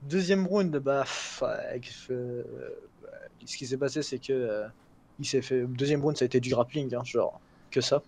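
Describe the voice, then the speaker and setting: A man's voice: medium pitch, moderate pace, darkish tone. A man co-hosting a podcast, recapping fights in casual chat, laughing and stumbling over names. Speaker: podcast co-host.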